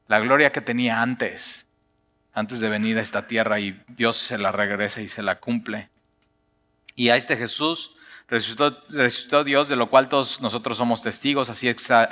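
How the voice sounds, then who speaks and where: A man's voice: medium pitch, bright, forceful tone, big-room sound. A male pastor preaching a sermon, earnest and emphatic.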